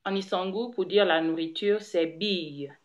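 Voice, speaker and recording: A woman's voice: on the low side, normal speed, dull audio. A woman teaching her daughter words in a casual lesson, patiently correcting pronunciation and praising her. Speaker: teacher, the learner's mother.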